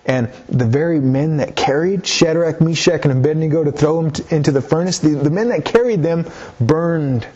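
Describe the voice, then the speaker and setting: A man's voice: on the high side, normal speed, darkish tone, slightly rough. Earnest male preacher, dull recording. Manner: earnest, repeats phrases, exhorts listeners directly. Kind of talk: sermon reading scripture and explaining it.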